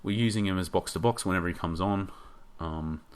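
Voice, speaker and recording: A man giving casual game commentary, thinking aloud and rambling with hesitations, his voice getting hoarse. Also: low voice, fairly quick.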